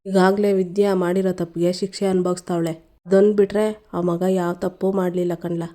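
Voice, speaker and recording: A woman's voice: mid-range voice, mellow, natural voice. A woman voicing an older village headman who pleads over a hard family judgement, in an anguished, questioning way.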